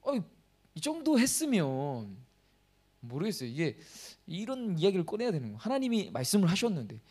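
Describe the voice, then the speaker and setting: A man with a rather high voice delivers a church sermon. He reads scripture in a raised, formal tone, then turns to the congregation with rhetorical questions and light jokes. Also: wildly swooping pitch, fairly quick, a little mellow, breathy edge. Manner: chuckles and jokes between points. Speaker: pastor. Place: church service.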